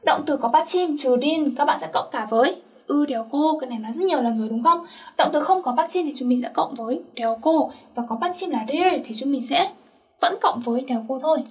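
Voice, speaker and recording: A woman teaching an online language lesson, saying words slowly and repeating them for learners, and often checking with questions. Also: high voice, a little mellow, distant mic.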